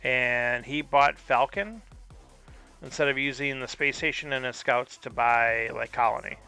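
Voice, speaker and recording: A man's voice: medium pitch, a little slow, creaky, pushed and bright, clean tone, faint music behind. A man streaming a card game live, thinking aloud and puzzling over his opponent's moves in casual commentary.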